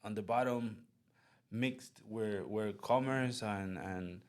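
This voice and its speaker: Venezuelan-accented host, man, eager, restarts words often. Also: fairly low pitch. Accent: Venezuelan Spanish. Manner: enthusiastic, halting, repeats words. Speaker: podcast host. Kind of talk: casual interview chat.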